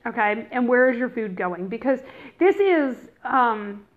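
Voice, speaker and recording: A woman's voice: a little high, very animated, measured pace. A woman hosting a casual educational podcast in a chatty, informal way, addressing listeners directly, recorded through headphones used as a mic. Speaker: podcast host. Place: room in a rental house. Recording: thin phone-like sound from headphone mic.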